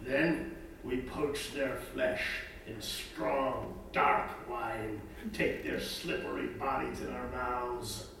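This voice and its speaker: A gruff peasant farmer, as played by a man, speaking slowly with a gravelly, creaky edge. He is blunt, crude and earthy. He is heard from far off in a big, echoing space. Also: medium pitch, steady tone, pushed and bright, a little hiss or hum, exaggerated voice. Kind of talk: stage acting. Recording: roomy stage sound from far off.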